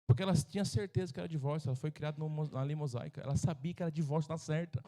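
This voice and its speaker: This middle-aged pastor from Brazil speaks very fast in a mellow, somewhat high voice with a Brazilian Portuguese accent. During the church service he jokes through his sermon and gives voice to the people in his tales.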